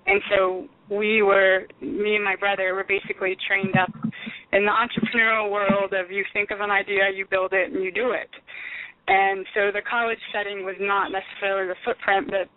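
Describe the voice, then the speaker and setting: A Texan business owner in her thirties, from the United States, chats as a guest in a casual interview, telling stories with lots of ums. Her mid-range voice shows little pitch movement and moves at a normal speed. The phone line sounds tinny and dry, with no echo.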